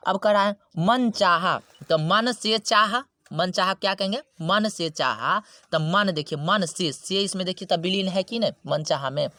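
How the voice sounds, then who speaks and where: A man teaching a Hindi grammar lesson, repeating key words and asking rhetorical questions, slowing down to spell out terms. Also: sits high, sharp tone, no echo. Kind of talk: classroom-style grammar lesson.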